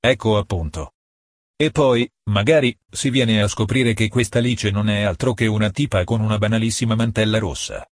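A man's voice: lowish voice, moderate pace, no echo, close to an everyday voice. A man reading aloud and voicing a bold young woman who teases and mocks. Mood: teasing. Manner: teasing, mocking. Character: teasing playful young woman, mocking and bold.

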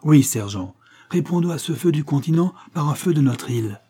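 A man reading an audiobook voices an anxious army lieutenant who speaks urgently and breaks into excited exclamations. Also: a little high, normal speed, husky, voice pushed up.

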